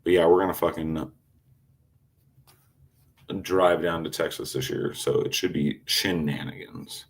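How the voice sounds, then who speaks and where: A man chatting on a casual livestream, telling a rowdy story, cursing constantly, with loud animated outbursts when quoting himself. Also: sits low, measured pace, long pauses. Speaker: live streamer. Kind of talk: casual rambling livestream chat.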